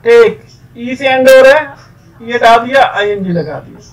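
A man teaching an English grammar lesson, explaining rules with many fillers and reading example sentences slowly. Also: very high voice, distant mic, poor audio.

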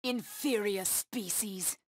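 Savage cheetah huntress for a fighting game, slow menacing taunts, really dry sound. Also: female voice, medium pitch, no room sound. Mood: predatory, menacing.

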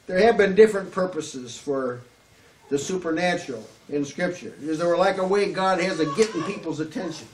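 Older southern preacher, kinda high voice, earnest, lots of restarts, roomy sound. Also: male voice. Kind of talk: sermon. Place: small room before a curtain backdrop, at a lectern. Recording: echoey room, slightly distant mic, faint hiss.

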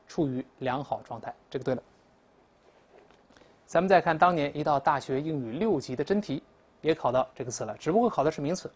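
A woman's voice: low voice, darkish tone. A woman teaching English in a classroom lecture, explaining answers and leading repeat-after-me pronunciation drills.

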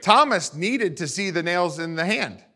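Animated preaching man, higher voice. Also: moderate pace. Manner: preachy, animated, asks the congregation for agreement. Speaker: pastor. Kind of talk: sermon.

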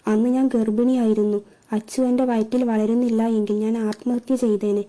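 A woman's voice: on the high side, little pitch movement, normal speed, natural voice. A woman voicing a hurt, bitter young woman with a curt, scornful manner. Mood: furious. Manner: curt, scornful, flares into shouting.

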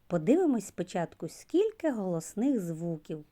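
A woman preschool teacher giving a slow literacy lesson to young children, stretching out sounds and key words. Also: mid-range voice, sing-song, warm tone. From Ukraine.

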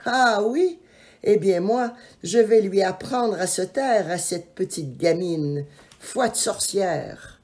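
A woman voicing a grumpy old witch who speaks in a loud, grating, threatening way, in a storybook reading. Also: medium pitch, animated, slow pace, hardly any pauses. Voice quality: screechy, grating voice.

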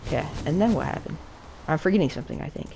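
A woman with a lowish voice chats casually while gaming. She talks through every step out loud and gets frantic and excitable when things go wrong. A faint hiss sits under her voice. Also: rapid-fire, vocal fry. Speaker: gaming channel co-host. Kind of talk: casual let's play chat.

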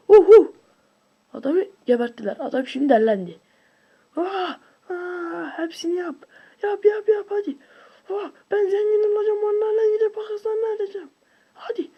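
Whooping and shouting, an excitable video creator with a high voice runs through gameplay in casual, slang-filled commentary, talking at normal speed but leaving long pauses.

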